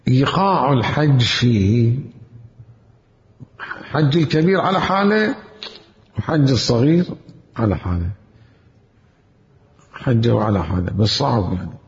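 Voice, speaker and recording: A seminary teacher with a creaky, medium-pitched voice delivers an Islamic jurisprudence lecture, posing rhetorical questions and repeating key words for emphasis. The recording sounds dull and lo-fi, captured in an echoey hall.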